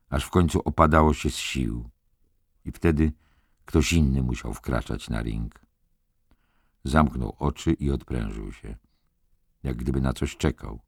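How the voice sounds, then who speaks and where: A man reading a novel aloud as a first-person audiobook narrator, measured and even. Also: a bass voice, dry recording, studio quality.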